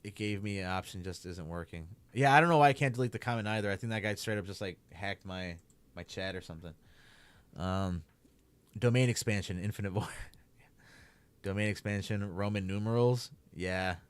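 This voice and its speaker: A young man with a Chicago accent, a streamer and YouTuber from the Chicago area, chats loosely to viewers while gaming and leans heavily on "like" and "man." His voice is lowish and clean, at a normal speed.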